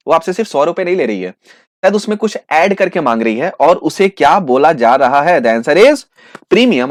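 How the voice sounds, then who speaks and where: Lively, animated male accountancy teacher. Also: on the high side, dry recording, clean studio sound. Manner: plays both teacher and student in a back-and-forth; repeats "the answer is" with slow drawn-out emphasis. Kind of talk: exam revision lesson.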